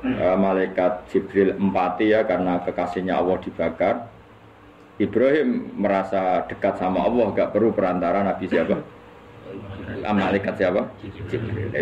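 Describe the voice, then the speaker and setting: Male Javanese preacher, low voice, joking storyteller, echoey room. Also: highs cut off. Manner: humorous, lively storyteller, often laughing. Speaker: Islamic preacher. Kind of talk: religious lecture with storytelling. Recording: echoey room with faint noise.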